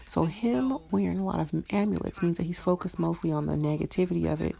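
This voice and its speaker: A woman with a heavily gravelly, mellow voice, calmly explaining a point in a vlog aside. Her delivery is measured and even. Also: on the low side. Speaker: psychic.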